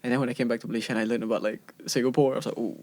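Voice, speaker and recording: A man hosts a casual podcast in a playful, upbeat way. His pitch sits in the middle. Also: flat delivery, very fast, darkish tone. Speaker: podcast host.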